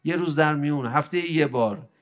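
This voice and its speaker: A man giving a religious sermon, swinging from quiet, measured explanation to emotional, pleading outbursts. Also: fairly high pitch. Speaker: preacher.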